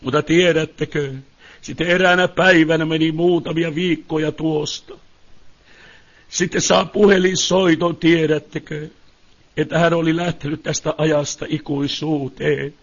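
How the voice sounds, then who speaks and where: A man's voice: a little high, level tone. A man preaching a fervent sermon. He speaks straight to his listeners and rises to pleading cries. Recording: dull lo-fi sound.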